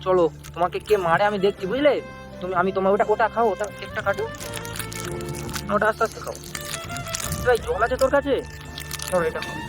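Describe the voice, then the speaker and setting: A man vlogging in the street, gently coaxing and soothing a small child while making emotional asides to a friend. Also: high-pitched. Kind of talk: street vlog talking to a child. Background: music.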